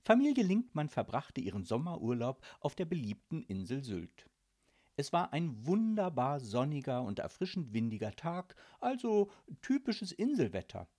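A man narrating a children's audiobook in an expressive storytelling manner. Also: on the high side, moderate pace. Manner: warm storytelling, varied and expressive.

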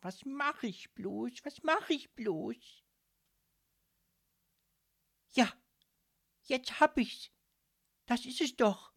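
A woman voicing a young female mussel in a children's audiobook, speaking in an indignant, whiny and expressive way. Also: on the high side, slow pace, gravelly, breathy edge, heavily acted. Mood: resolute. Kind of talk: audiobook character voice.

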